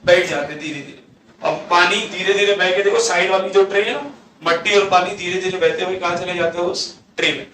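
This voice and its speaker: A man's voice: high voice, steady tone, brisk, bright, forceful tone, recorded from a distance. A man teaching a classroom lecture, mixing Hindi with English terms and quizzing the class with questions he answers himself. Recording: echoey room, voice off-mic, faint hum.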